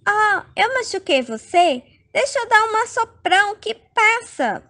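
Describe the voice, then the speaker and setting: A woman voicing a strong-willed young girl who is sweet but forceful and talks in a gushing, emotional way, for a narrated comic. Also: extremely high pitch, big pitch swings, a little slow, heavy background noise, exaggerated voice.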